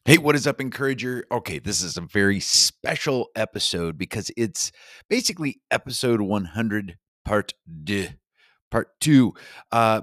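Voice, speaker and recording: In his own studio, a man who hosts a podcast and works as a coach talks straight to the listener in an upbeat solo episode, enthusiastic and encouraging even though a cold has left him slightly scratchy. His voice is fairly low and a bit bright, and the recording is clean, with no echo.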